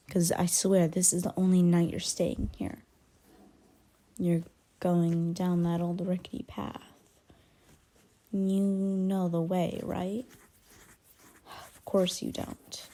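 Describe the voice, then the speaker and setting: A woman performs an intimate, one-sided ASMR roleplay as a young female werewolf. Her lowish, mellow voice is breathy and often drops toward a whisper. She talks slowly and haltingly, blunt and guarded yet grudgingly caring.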